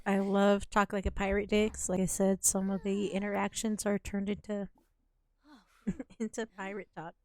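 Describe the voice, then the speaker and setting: A woman's voice: medium pitch, flat delivery, moderate pace. A woman streaming a game from home, rambling casually and laughing often between thoughts. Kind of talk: casual gameplay commentary. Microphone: desk microphone with headphones.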